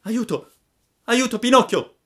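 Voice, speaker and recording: A man's voice: medium pitch, very animated, unhurried, sharp tone. A man voicing a cheeky, lazy schoolboy with a coaxing, teasing manner. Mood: panicked.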